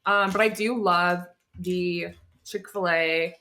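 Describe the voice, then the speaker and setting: A woman's voice: fairly low pitch, steady tone, slow, bright, forceful tone. Chatty woman rambling over a meal. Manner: chatty, rambling, lots of fillers and 'like'. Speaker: podcast co-host. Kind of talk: casual chat while eating. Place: apartment.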